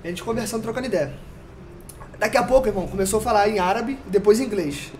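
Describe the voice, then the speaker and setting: A man with a Brazilian accent telling a story on a casual podcast, animated, full of slang and sound effects. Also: sits high, fast talker, a little hiss or hum. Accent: Brazilian Portuguese.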